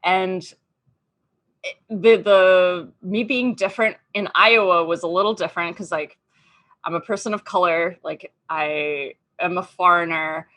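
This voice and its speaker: An Australian podcast guest in her thirties speaks in an unhurried, slightly bright voice on the low side. She chats casually in the interview, leaning heavily on fillers such as "um" and "like."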